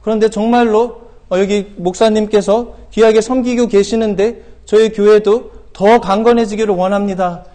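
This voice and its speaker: A man's voice: sits high, fairly even intonation. A middle-aged man preaching a sermon in a church, earnest and exhorting, with rhetorical questions and frequent hesitations. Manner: shouts quoted scripture loudly and slowly. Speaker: missionary preacher. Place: church sanctuary.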